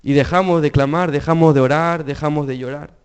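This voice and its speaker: A man's voice: a little high, steady tone, brisk, smooth. A young man preaching a sermon, earnest, asking the congregation questions.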